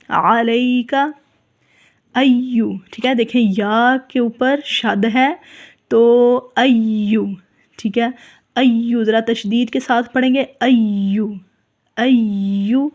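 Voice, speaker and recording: Woman teaching recitation, slow modeled words. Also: a little high, a little mellow. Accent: Pakistani Urdu. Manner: repeats words slowly to model pronunciation, then explains quickly; checks in often with a rhetorical "okay?". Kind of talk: tajweed lesson, explaining and modeling recitation.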